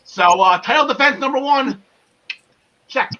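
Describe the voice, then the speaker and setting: A man's voice: very high voice, expressive, a little slow, bright, forceful tone, lo-fi sound, a little hiss or hum. A man hosting a casual wrestling podcast discussion, talking in an enthusiastic, rambling, slangy way. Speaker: podcast host.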